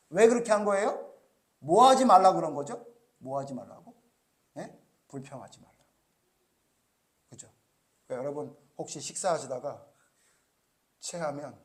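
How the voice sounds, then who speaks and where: A middle-aged male pastor preaching a sermon, firing rhetorical questions at the congregation and acting out biblical characters' lines as quoted dialogue. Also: fairly high pitch.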